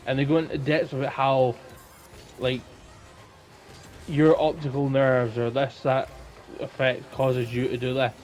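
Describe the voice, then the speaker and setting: A Scottish-accented man co-hosts a podcast, telling stories in an informal, rambling, casual-chat style. His medium-pitched voice has a darkish tone and flat delivery, with a measured pace and long pauses.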